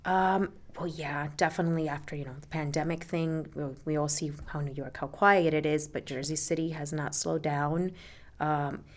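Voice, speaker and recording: A woman from Colombia who works as a realtor, talking relaxed and conversational as a podcast guest. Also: low-pitched, normal speed. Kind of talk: podcast interview.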